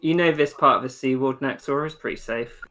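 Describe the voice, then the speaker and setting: A man's voice: mid-range voice, fairly quick, pushed and bright. A man running a tabletop game as game master, chatting casually with the players. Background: background music.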